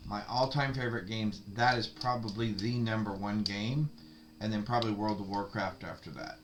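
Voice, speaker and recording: A man's voice: on the low side, fairly even intonation, normal speed, background noise. A man chatting casually and at length, easygoing and a little rambling. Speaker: streamer's partner. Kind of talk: casual chat.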